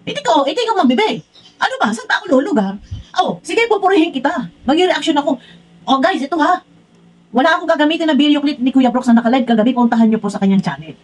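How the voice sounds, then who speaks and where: A woman's voice: high voice, animated, fast, low-quality recording. A woman ranting in a reaction vlog, exasperated and scolding, firing off one rhetorical question after another. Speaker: vlogger.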